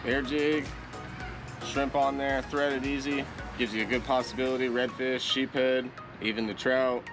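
A man's voice: mid-range voice, fairly even intonation, a little slow, music in the background. Easygoing young man giving fishing tips.

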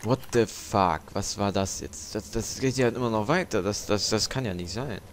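A man's voice: lowish voice, moderate pace, a crowd in the background. A young man giving casual, frustrated commentary while he plays, swearing often. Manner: swears a lot, frustrated, rambling. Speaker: let's play gamer. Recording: gunfire from the game loud behind.

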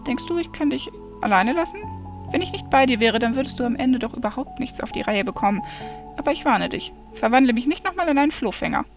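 A grumbling male raven in human form, loyal to his mistress but quick to mutter complaints, read out by a woman. The voice sits fairly high. It comes through a dull, lo-fi recording with faint music behind it. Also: animated. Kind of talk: amateur fantasy audiobook reading.

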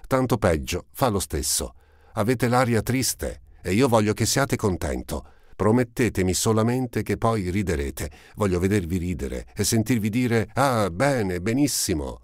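A man reading an audiobook, voicing a poor, ragged teenage girl who talks eagerly and rambles, in a raised girlish pitch. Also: very animated, a little slow, dry recording, clean studio sound. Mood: coaxing.

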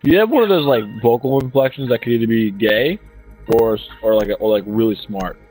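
A man's voice: mid-range voice, a little fast, a little mellow, faint music behind, low-quality recording. A young man chatting with friends while gaming, rambling with fillers and cracking jokes. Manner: rambling, filler-heavy, wisecracking. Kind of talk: casual chat while gaming.

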